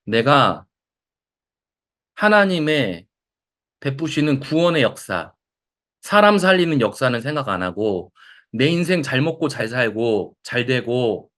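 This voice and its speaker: Animated guy teaching a bible class, voice all over the place, asks lots of questions. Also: medium pitch, measured pace, pauses often. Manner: animated, acts out quotes, asks the audience questions. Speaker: Bible lecturer at a counseling center. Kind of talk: lively lecture.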